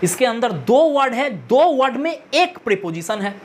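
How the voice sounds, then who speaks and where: A woman teaching a grammar lesson, explaining each term slowly and repeating the key words. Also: fairly high pitch, expressive, a little hiss or hum. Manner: slow, deliberate, repeats key terms.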